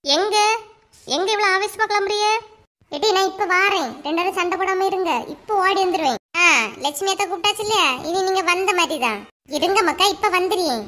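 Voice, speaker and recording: A woman tells a cartoon story in a Kanyakumari Tamil accent and does all the voices herself. Her tone is very high and sharp. She keeps up a lively run of village banter and teasing asides. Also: brisk.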